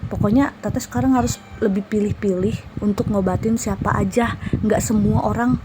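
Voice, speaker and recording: A woman's voice: medium pitch, moderate pace. A young woman, a massage therapist and healer, telling a dramatic ghost story to her viewers in a casual vlog, sometimes dropping to a whisper. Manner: animated, dramatic retelling with whispered asides. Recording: steady background noise.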